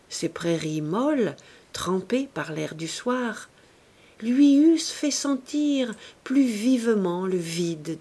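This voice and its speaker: Slow, breathy woman reading a novel. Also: mid-range voice. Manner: expressive and unhurried. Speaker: audiobook reader. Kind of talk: novel narration.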